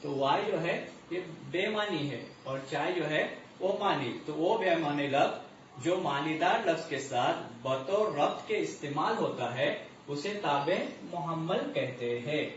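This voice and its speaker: A man's voice: a little high, animated, a little hiss or hum. Man teaching grammar in an echoey room. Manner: repeats terms slowly, asks and answers his own questions. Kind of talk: grammar lesson. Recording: muffled echoey distant recording.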